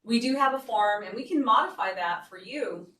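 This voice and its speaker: A woman's voice: fairly high pitch, expressive, moderate pace, sharp tone, slight background noise. A woman city staff presenter giving a board training, talking conversationally and explaining with frequent restarts. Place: meeting room. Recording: echoey meeting room, distant mic.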